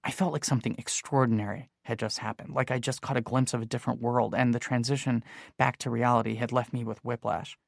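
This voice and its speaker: Male audiobook narrator, gravelly, mid-pitched, dry close read. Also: steady tone, fast talker, no echo. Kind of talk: first-person audiobook narration.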